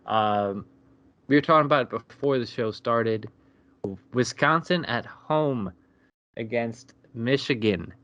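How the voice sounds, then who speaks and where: A man's voice: medium pitch, slow pace, a bit bright, dry recording, lo-fi sound. A man co-hosting a casual sports betting podcast, laid-back and drawing out his fillers. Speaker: podcast co-host.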